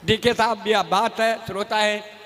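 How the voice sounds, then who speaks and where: A man's voice: high voice, flat delivery, a little slow, a bit bright, a little hiss or hum. A man from Rajasthan performing stage comedy poetry, folksy and self-mocking, talking straight to the audience. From Rajasthan, India. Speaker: comic poet. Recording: echoey hall reverb.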